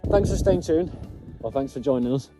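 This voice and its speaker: A young Englishman rambles through his travel vlog in an easy, middle-pitched voice, full of little fillers. He is walking outdoors and speaking into a camera mic. Music plays clearly underneath him. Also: lively intonation, a little fast. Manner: chatty, loose, full of fillers. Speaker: travel vlogger. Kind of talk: casual outdoor vlog chat. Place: outdoors in a grassy field. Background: background music.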